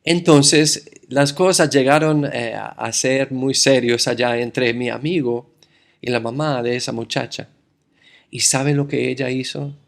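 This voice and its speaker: A man's voice: medium pitch, steady tone, measured pace, vocal fry. A man from the United States preaching a sermon, addressing the congregation as brothers and telling a story from his childhood.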